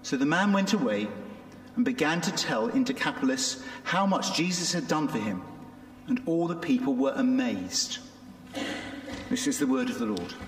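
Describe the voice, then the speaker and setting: A man reading a Bible passage aloud at a church service in a measured, expressive way. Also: mid-range voice. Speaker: scripture reader. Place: church hall. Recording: echoey church hall.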